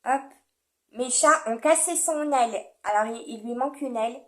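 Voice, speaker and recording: A woman's voice: a little high, moderate pace, a bit bright. A woman giving a chatty, rambling card reading, with frequent fillers and small laughs. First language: French. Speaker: card reader. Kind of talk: casual spoken card reading.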